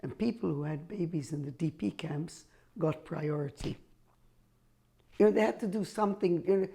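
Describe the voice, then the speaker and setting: A woman's voice: fairly low pitch, normal speed, gravelly, mellow. A woman in her seventies, born in Hungary, telling her family's refugee story in an oral history interview, often restarting her sentences. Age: 70s.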